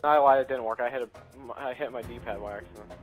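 A man casually chatting while he barks loud voice commands at a game console and laughs often. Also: mid-range voice, fast talker, soft background music, poor audio. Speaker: gamer trying voice control. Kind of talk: casual gaming chat.

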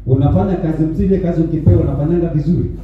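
A man interpreting a sermon live in a church hall, restarting words quickly as he translates. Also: fairly high pitch. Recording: echoey hall, distant and dull.

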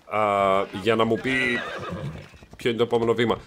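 A man's voice: on the low side, little pitch movement, background noise. A young man hosting a gaming channel, giving playful, joking let's play commentary with some swearing.

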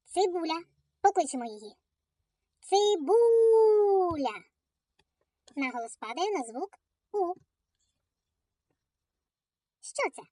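Slow high-pitched woman teacher. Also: big pitch swings, a little mellow, dry recording. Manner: slow, sing-song calling out of words. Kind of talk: children's lesson narration.

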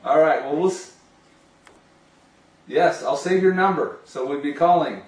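The speaker is a middle-aged man selling video phones, his voice on the high side and a little slow. Casual and gushing with enthusiasm, he demonstrates a product and talks on a call in a small indoor home office. A camera a few steps away captures roomy, distant audio with hiss.

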